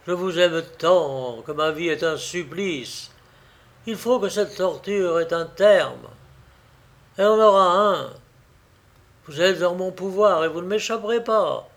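A man reading an audiobook, voicing an obsessive young suitor who turns threatening. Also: on the high side. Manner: impassioned and menacing.

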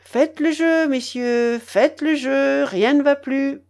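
Casting: a woman doing a formal male croupier announcing bets, slow and mellow. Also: high voice, pitched above the performer's own voice. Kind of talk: audiobook reading.

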